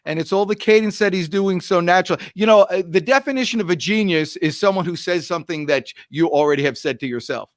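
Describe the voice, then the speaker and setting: A man's voice: high voice, fast, few pauses, no echo, clean studio sound. A man hosting a podcast interview, chatty and encouraging as he asks questions. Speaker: podcast host. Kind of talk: casual interview talk.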